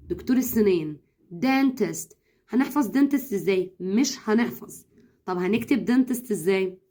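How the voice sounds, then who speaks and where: A woman with an Egyptian Arabic accent, an English tutor giving brisk advice to parents, slipping in English words and slowly sounding out syllables. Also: mid-range voice, darkish tone. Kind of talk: instructional talk to parents.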